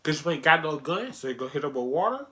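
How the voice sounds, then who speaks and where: A man's voice: a little high, very animated, quick pace, sharp tone. A man giving slangy, casual reaction commentary and acting out imagined exchanges. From Louisiana, US. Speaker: reaction video host. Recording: echoey room.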